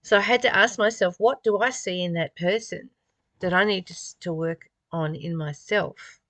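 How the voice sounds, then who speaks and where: A woman with a fairly low, slightly bright voice reads a spiritual text at a moderate pace. Between passages she offers informal, musing commentary, frequently asking rhetorical questions. The recording sounds dry.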